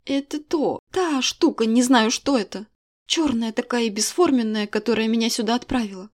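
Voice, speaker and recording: A woman voicing a defiant, sharp-tongued young heroine who speaks in a heated, indignant way in an audiobook. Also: a little high, normal speed, natural voice. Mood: tense.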